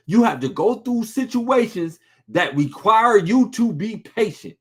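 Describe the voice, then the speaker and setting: A man preaching in a relaxed, street-casual way, pitched high with a voice that swoops up and down. He takes his time, drawing out his scripture readings slowly and firing rhetorical questions at his listeners. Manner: reads scripture slowly and deliberately. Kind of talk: informal sermon with scripture reading.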